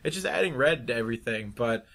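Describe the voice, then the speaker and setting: A young man at a middle pitch talks casually over his drawing session. He rambles from one thought to the next and often stumbles and restarts his sentences. It sounds like a relaxed, chatty commentary. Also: quick pace, creaky. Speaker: YouTube artist.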